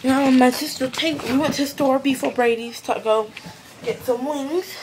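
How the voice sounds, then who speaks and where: A woman's voice: high-pitched, fairly even intonation, normal speed. Chatty girl vlogging from her bedroom. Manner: chatty, rambling with many fillers. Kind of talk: casual show-and-tell vlog. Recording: home video with background noise.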